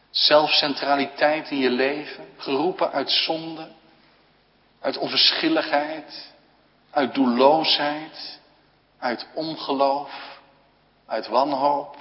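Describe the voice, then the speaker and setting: A man preaching in a slow, earnest voice, leaving long pauses between short phrases. His voice carries a long echo through a church, and the recording sounds dull and lo-fi. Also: fairly high pitch, steady tone. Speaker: pastor. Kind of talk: sermon.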